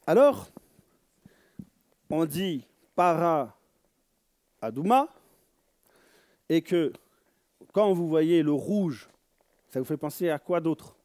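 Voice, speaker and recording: A man giving a slow religious teaching, searching for words, repeating them and stressing key words loudly. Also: fairly high pitch, very animated, no room sound. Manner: reads Hebrew phrases aloud.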